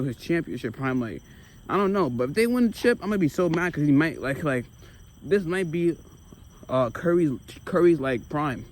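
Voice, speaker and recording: An American man chatting casually about sports while walking, emphatic and animated, often repeating phrases for emphasis. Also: a little high. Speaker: sports vlogger. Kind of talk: casual rambling sports chat. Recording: clear street noise with passing vehicles.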